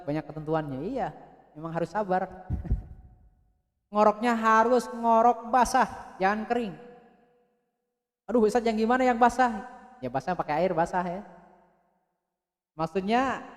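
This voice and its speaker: A man teaching Quran recitation, drilling throat sounds and joking with imagined students while clearing his throat. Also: high voice, in a large hall. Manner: drills throat sounds, loud when demonstrating. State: thirsty, clears throat often. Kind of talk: pronunciation lesson with demonstrations.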